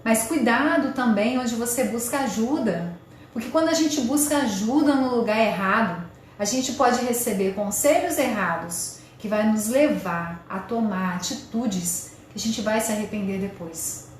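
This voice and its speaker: A woman's voice: a little high, a little slow. Woman giving marriage advice, earnest and direct, lots of room echo, bit of hiss behind. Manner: earnest, coaching, addresses the viewer directly. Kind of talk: direct-to-camera advice talk. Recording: very echoey room with faint noise.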